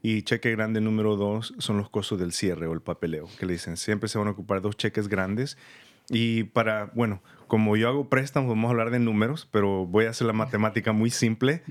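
A man's voice: lowish voice, fairly even intonation, a little fast. A man from El Salvador, a loan officer guest in an interview, explaining in a friendly way with simple step-by-step talk and easy laughs.

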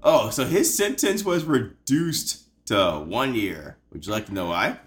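A man's voice: fairly low pitch, lively intonation, measured pace. A drunk Southern man hosting a podcast, rambling, profane and self-mocking. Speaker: podcast host. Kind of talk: comedic casual chat.

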